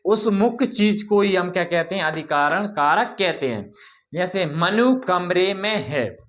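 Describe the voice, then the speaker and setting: A man explaining grammar in a lesson, asking questions and answering them himself, with informal, drawn-out explanations. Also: high-pitched, a bit bright. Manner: repeats key points as questions and answers them. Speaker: teacher.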